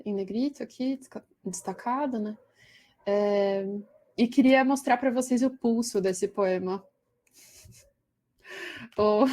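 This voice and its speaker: A woman giving a poetry lesson, talking slowly with many fillers. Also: a little high, darkish tone. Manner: slow, hesitant, with many fillers. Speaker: lecturer. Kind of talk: poetry lesson with slide commentary.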